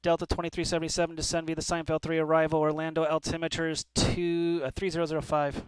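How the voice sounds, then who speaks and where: Man, air traffic control radio instructions, crisp voice, fairly high pitch, clipped procedure, dry sound. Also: completely flat delivery, fast, dry recording. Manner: procedural, clipped, courteous sign-offs. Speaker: air traffic controller on a flight-simulation network.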